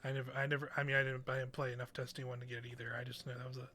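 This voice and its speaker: Young man, bright even voice, noisy recording. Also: mid-range voice, racing. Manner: hesitant, rambling, slangy. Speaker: game streamer. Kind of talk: casual chat while gaming.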